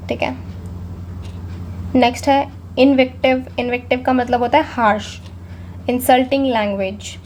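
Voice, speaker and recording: A woman's voice: a little high, darkish tone, a little hiss or hum. A young woman gives a casual vocabulary lesson, chatty and often saying "theek hai". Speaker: exam vocabulary teacher.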